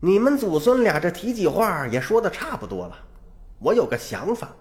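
A man's voice: high voice, big pitch swings, moderate pace, voice pushed up. A man voicing a sly, scheming female snake demon in a storytelling performance, with a silky, calculating delivery.

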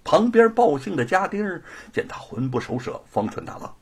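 Husky, animated male storyteller. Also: on the high side, a little fast. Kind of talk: dramatic storytelling narration.

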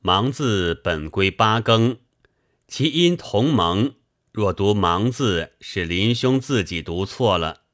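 A man voicing an elderly, learned sailor who lectures and teases in a measured way. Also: lowish voice, animated, fairly bright tone. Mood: wry.

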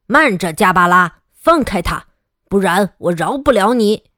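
A bold, slightly clumsy superhero dad calls out his moves, as a woman storyteller voices him, her pitch dropped for a deeper, commanding sound. It is slow and declaiming, recorded close and dry. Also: lively intonation, bright, forceful tone, no echo.

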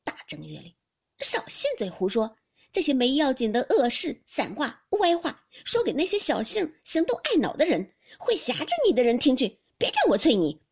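A woman reading a classic novel aloud, voicing a blunt, hot-tempered young noblewoman who speaks loudly and sarcastically. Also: high-pitched, huge pitch swings, quick pace, vocal fry, few pauses, breathy edge, pitched above the performer's own voice, full character voice. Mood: scolding.

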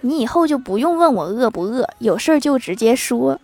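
A woman's voice: on the high side, expressive, a little fast, darkish tone. A woman hosting a podcast, reading out jokes and listener comments and adding playful, teasing remarks after each one. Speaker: podcast host.

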